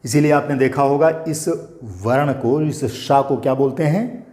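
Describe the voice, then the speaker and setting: A man's voice: medium pitch, unhurried, darkish tone, reverberant. An older man teaching Sanskrit grammar, patiently repeating terms and asking his students questions. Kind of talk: explanatory grammar lesson.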